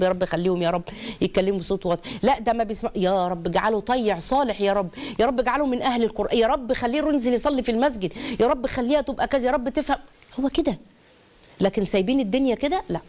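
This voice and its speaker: A middle-aged woman with an Egyptian accent giving a lively religious talk to mothers, firing off rhetorical questions. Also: fairly high pitch. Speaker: religious lecturer.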